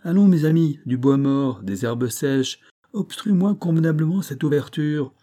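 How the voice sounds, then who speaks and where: A man's voice: medium pitch, a little fast, mellow, close to an everyday voice. A man reading as a cautious, worried engineer. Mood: directing. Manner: insistent, raised protests.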